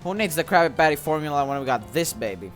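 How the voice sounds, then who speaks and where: A man acts out a gloating little cartoon mastermind with theatrical villain menace. The voice is on the high side for a male, slow and grandiose, with music playing behind it. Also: lively intonation, lightly acted. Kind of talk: acted reading of cartoon game dialogue.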